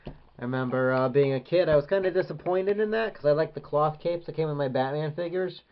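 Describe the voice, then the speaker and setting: A man's voice: fairly high pitch, a little fast, lo-fi sound. A man reviewing an action figure in a casual, rambling way with many hesitations. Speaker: toy collector reviewer.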